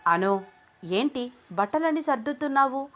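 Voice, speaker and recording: Junnu is a worried young woman who keeps asking her friend what is wrong. Her voice sits higher than the narrator's own and sounds urgent and caring. A woman narrator voices her. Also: lively intonation, a little slow, a bit bright. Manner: anxious, pressing questions.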